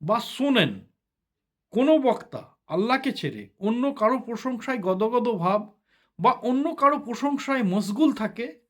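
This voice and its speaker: A man's voice: very high-pitched, big pitch swings, a little slow, a bit bright. A man giving a sermon-style religious talk, explaining step by step and often checking with the listeners. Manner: explains step by step, asks the listeners "ঠিক আছে?". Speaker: religious speaker.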